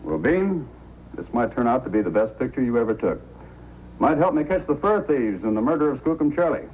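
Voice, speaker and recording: An actor playing a steady, inquisitive Mountie sergeant with measured authority in an old-time radio drama. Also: male voice, medium pitch, phone-quality sound, lightly acted. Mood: curious, confident. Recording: old radio recording, faint noise.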